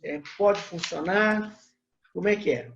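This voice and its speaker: High-voiced Brazilian pastor on a muffled call. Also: male voice, a little slow, a bit bright, roomy sound, a little hiss or hum. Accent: Brazilian Portuguese, Minas Gerais. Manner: conversational, with many filler tags and restarts. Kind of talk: teaching a church couples class.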